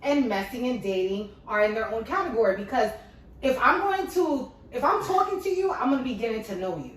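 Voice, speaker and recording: A woman's voice: fairly high pitch, expressive, brisk. A woman hosting a podcast, talking bluntly in a casual group chat. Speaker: podcast host. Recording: very echoey room, mic far off.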